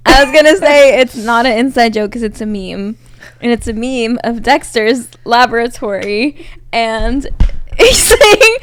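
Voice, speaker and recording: A fairly high-voiced young woman co-hosting a podcast, chatting loosely and laughing as she wanders from one tangent to the next. Her talk is casual and unscripted. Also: moderate pace. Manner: rambling, laughs a lot, goes off on tangents. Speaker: podcast co-host. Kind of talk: casual chat.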